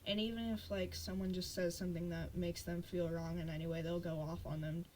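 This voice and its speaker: A woman's voice: fairly low pitch, little pitch movement, brisk, darkish tone, slight background noise. A teenage girl hosting a casual podcast chat, talking loosely with many fillers. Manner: chatty, lots of fillers. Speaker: host.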